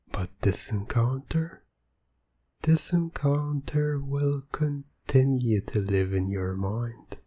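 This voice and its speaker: In an ASMR roleplay, a male audio performer voices a smug, teasing, domineering hypnotist who stays in control. His warm, mid-range voice is breathy and often near a whisper, delivered slowly and deliberately in a commanding, taunting manner.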